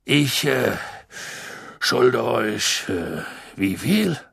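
A man doing a booming stadium announcer. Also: very animated, drawn-out words, vocal fry, breathy edge, no room sound, clean studio sound, full character voice. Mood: sheepish. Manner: loud, stretched, showman announcing.

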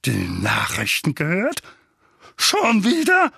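A man voicing a fat, furious middle-aged uncle in an audiobook, shouting hoarsely and trembling with rage. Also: very high-pitched, sing-song, a little slow, no room sound, studio quality, voice pushed up, heavily acted. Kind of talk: audiobook character voice.

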